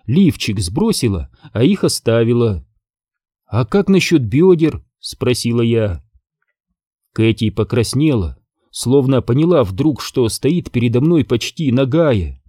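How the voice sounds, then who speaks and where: A man reading an audiobook horror story aloud in scripted, expressive first-person narration. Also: mid-range voice, unhurried, husky, no echo, studio quality. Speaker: audiobook reader.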